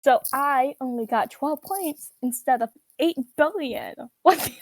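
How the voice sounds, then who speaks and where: A woman voicing a vain, boastful evil queen diva, her voice run through a voice changer that shifts its pitch, speaking haughtily and laughing at herself mid-sentence. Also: animated, a little slow, dry recording, poor audio. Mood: haughty. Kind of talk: comedic character roleplay.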